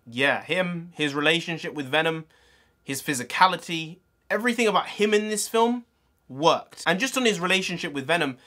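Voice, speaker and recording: A man with a bright, slightly high voice gives a casual film review. He is blunt and informal in how he shares his opinions.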